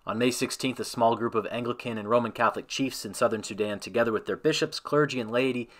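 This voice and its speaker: A man giving a scripted devotional narration that ends in a prayer, reading in a measured, reverent way. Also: medium pitch.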